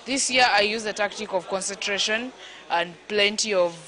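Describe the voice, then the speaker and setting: A contestant answering an interview in a measured way, with brief pauses. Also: medium pitch, sharp tone, low-quality recording. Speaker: spelling bee winner.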